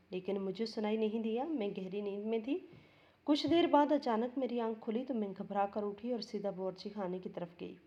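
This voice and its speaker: Mellow-voiced woman telling a sorrowful story. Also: on the high side, lo-fi sound. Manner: sorrowful, slow and heartfelt. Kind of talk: emotional first-person story narration.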